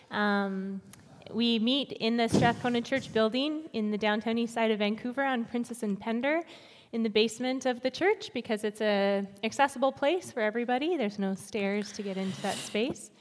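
A woman guest speaker addressing a church congregation in an informal way. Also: fairly high pitch. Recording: reverberant hall sound.

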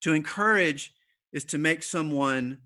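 A man gives a sermon in an easy, conversational way, trailing into fillers and restarts. His voice is bright and sits a little high. He slows right down when he leans on a key line. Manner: conversational preaching with fillers and repeated starts, slowing for emphasis. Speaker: pastor. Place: church service streamed online.

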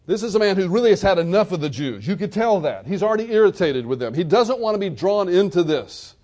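A man's voice: high voice, big pitch swings, fast, a little mellow. A man preaching a sermon, retelling a scene in vivid storytelling detail.

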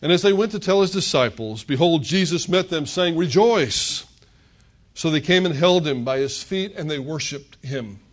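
A man's voice: on the high side, lively intonation, moderate pace, hardly any pauses. An older man preaching a sermon, retelling scripture as a story and voicing the characters' words. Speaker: pastor.

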